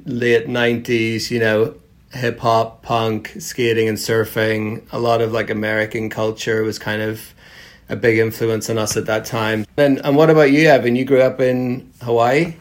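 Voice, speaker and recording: A man in his thirties from Northern Ireland leads a laid-back podcast conversation. He talks in a level, fairly flat voice at a middle pitch, leaning on lots of fillers and hedges. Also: normal speed. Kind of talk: casual chat.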